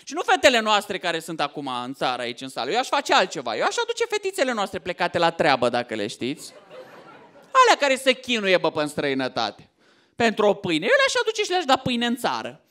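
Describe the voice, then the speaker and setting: A man in his thirties from Romania doing a stand-up comedy set on stage, loud and animated, often shouting punchlines. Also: high voice. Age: 30s. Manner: loud, animated, swings into mock voices and shouts. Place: theater stage before a laughing audience.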